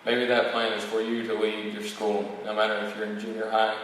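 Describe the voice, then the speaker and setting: At the podium, a young valedictorian of roughly eighteen reads his prepared remarks, tripping over words now and then. He talks fairly quickly in a fairly low, monotone voice that is a bit bright. The large, reverberant room holds an audience, and the far-off mic picks up heavy echo and faint noise.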